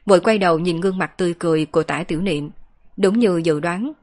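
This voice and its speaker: A woman reading a fantasy novel aloud as an audiobook narrator, steady and even. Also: lowish voice, fast talker. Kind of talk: scripted narration.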